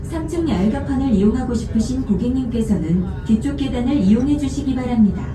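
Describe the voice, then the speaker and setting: A woman making a polite, formal passenger announcement over a cruise boat's loudspeaker. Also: fairly high pitch, animated, a crowd in the background. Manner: polite, measured, repeats the notice. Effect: over a ship's PA loudspeaker. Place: aboard a river cruise boat. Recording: echoey distant loudspeaker with boat noise.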